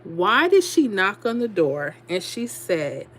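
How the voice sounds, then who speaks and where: A woman's voice: medium pitch, sing-song, slow pace, slightly rough. A middle-aged woman from Louisiana hosting a livestream, chatting casually and laughing as she reads comments. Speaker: livestream host.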